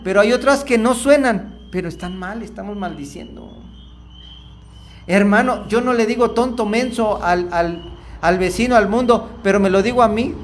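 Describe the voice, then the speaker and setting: A man, preaching a church lesson in an animated way, moving between emphatic points and quiet asides. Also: sits high, slight background noise.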